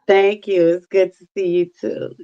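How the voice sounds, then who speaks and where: A woman's voice: medium pitch, level tone, measured pace, dark tone, clean tone, dry recording, dull audio. A middle-aged woman with a New Orleans accent, chatting casually as a talk show guest. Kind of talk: casual chat.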